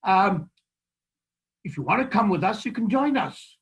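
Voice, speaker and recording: A man voicing a brisk, jovial older theatre company manager with a posh, clipped, breezy manner and a husky voice. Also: high-pitched, sing-song, pitched above the performer's own voice. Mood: jovial, reassuring.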